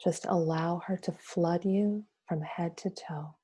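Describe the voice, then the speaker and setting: A woman guides a meditation with a very mellow, dark-toned voice. Her delivery is slow, hushed and breathy, reverent and soothing in a goddess-like way. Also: fairly low pitch, steady tone. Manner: soft, breathy, hushed, drifting at times toward a whisper.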